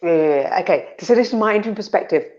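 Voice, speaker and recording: A woman's voice: mid-range voice, expressive, racing, muffled recording, a loud crowd. A woman co-hosting a casual podcast chat, talking animatedly and acting out her inner voices, with some swearing. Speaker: podcast co-host.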